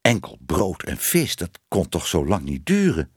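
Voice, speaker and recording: Male audiobook narrator for children's fiction, animated delivery, dry booth sound. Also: low voice, a little slow, husky, no echo. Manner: expressive, varied reading. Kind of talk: scripted narration of a children's book.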